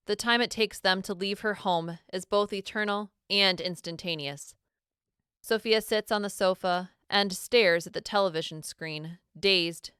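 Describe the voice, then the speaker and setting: A woman narrating a storybook in an expressive, dramatic reading style. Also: mid-range voice, smooth, no room sound, studio quality.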